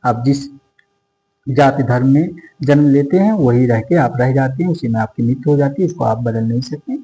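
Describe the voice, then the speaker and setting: A man's voice: mid-range voice, normal speed, dark tone, low-quality recording. A man tutoring sociology for competitive exams, going through multiple-choice questions one option at a time and repeating numbers for his students. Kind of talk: exam-prep lecture.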